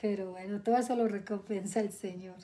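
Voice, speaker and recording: Mellow-voiced mother reminiscing. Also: medium pitch, steady tone, a little fast. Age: middle-aged. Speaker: guest, host's mother. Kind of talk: casual conversation.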